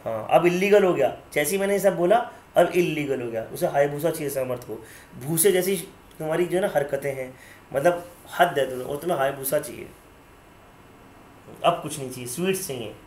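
A man's voice: on the high side, brisk, a little mellow, echoey room, slight background noise. A male teacher giving an online class, teasing students by name and mixing English terms into his talk. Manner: mixes Hindi and English terms.

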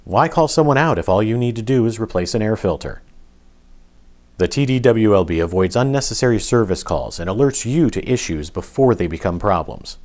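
A man reading scripted narration for a product video in a smooth, even promotional delivery. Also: lowish voice, brisk.

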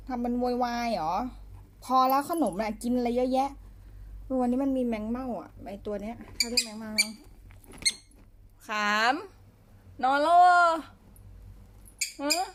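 Slow, doting woman coaxing her pets. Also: a little high, a bit bright, a little hiss or hum. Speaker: pet owner streaming live to fans. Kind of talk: casual live-stream chat. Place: home condo room.

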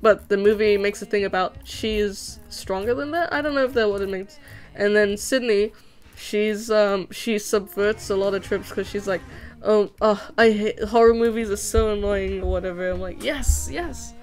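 Her voice sits in the mid-range with a darkish tone and moderate pace. A young woman who first spoke Vietnamese, she rambles through a casual chat in a room at home as she animates, full of fillers and false starts.

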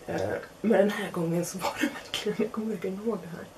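A young woman with a mid-range voice casually tells a self-mocking anecdote over a noisy background. She's animated and acts out the quotes of the other people in the story.

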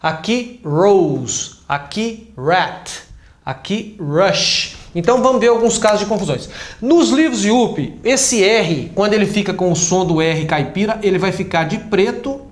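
Brazilian guy teaching english sounds, higher voice, stretches words out, echoey room. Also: animated. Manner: demonstrates sounds slowly and stretched. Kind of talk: explanatory lesson.

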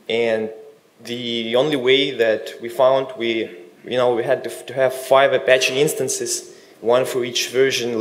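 Man giving a relaxed tech talk. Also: mid-range voice. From Russia. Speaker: conference speaker. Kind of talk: technical conference talk. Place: conference hall.

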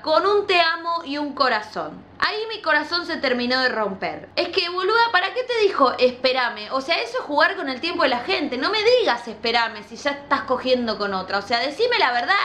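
High bright Argentine woman ranting. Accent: Rioplatense Argentine. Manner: animated, outraged, crude slang, shrieking asides. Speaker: youtuber. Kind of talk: reading and reacting to a viewer's story.

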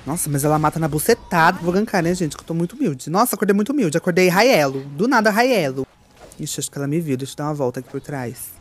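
A woman's voice: low voice, animated, fast talker, faint music behind. A woman giving live gameplay commentary, campy and theatrical, with playful swearing at her opponents. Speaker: gaming streamer.

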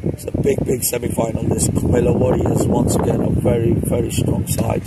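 A slightly hoarse man giving brisk ball-by-ball commentary on an amateur cricket match outdoors. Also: medium pitch, completely flat delivery. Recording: outdoor mic with loud background noise.

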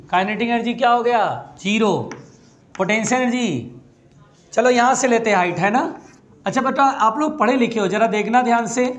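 High-voiced teasing physics teacher man. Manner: teasing, chatty, coaxes students along. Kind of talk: classroom lecture.

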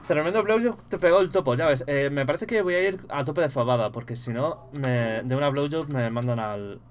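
A young gaming streamer with a Spain Spanish accent and a mid-range voice gives casual commentary while playing a horror game, swearing freely and yelping when startled. There's a little hiss or hum in the recording.

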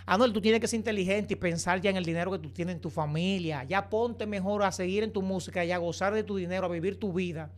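A man's voice: high-pitched, quick pace, hardly any pauses. A man giving opinionated entertainment gossip commentary, lecturing his viewers. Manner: preachy, repeatedly addresses viewers as señores.

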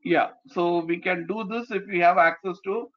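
Man, slightly high pitch, halting explanatory delivery, tag questions, muffled lo-fi recording. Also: fairly even intonation. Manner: halting, frequent "you know" and "right?" tags. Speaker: presenter, trainer. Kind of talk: explanatory slide presentation. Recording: dull, lo-fi online audio.

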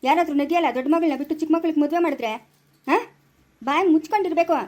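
A woman playing a stern mother who scolds and orders her daughter to keep quiet, speaking in a rural Karnataka Kannada accent in an amateur family drama. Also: high voice, very fast, lightly acted. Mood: scolding. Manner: scolding, sharp commands.

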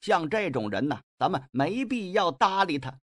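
A man voicing a composed, dignified male court adviser in an audiobook, speaking in a measured, placating way. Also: on the high side, big pitch swings, a bit bright, no room sound, studio quality.

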